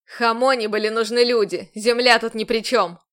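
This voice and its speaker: A stern, domineering commander in an audiobook, scolding and harsh in every word, as a woman narrator voices him. His voice sits lower and rougher than the reader's own, with loud, forceful delivery. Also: little pitch movement, normal speed, close to an everyday voice. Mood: angry. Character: stern scornful male commander, adult, domineering.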